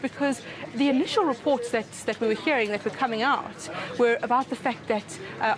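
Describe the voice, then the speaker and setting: A woman giving a thoughtful interview, pausing and restarting as she reasons. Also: on the high side. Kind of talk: reflective interview.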